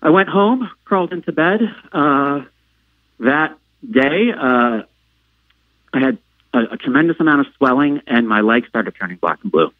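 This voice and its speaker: A man telling a personal story as a podcast guest, pausing on lots of "uh" fillers and jumping loud when he acts out what people said. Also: mid-range voice, animated, no room sound. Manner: halting, filler-heavy retelling; acts out quoted lines with sudden loud outbursts. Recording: narrow phone-like line, dry.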